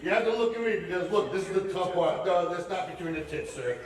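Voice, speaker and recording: A man's voice: high voice, fast talker. A man performing a crude comedy magic act, brashly teasing his audience. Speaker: stage magician. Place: live venue before an audience. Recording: echoey live room from far off. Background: loud laughing crowd and noise.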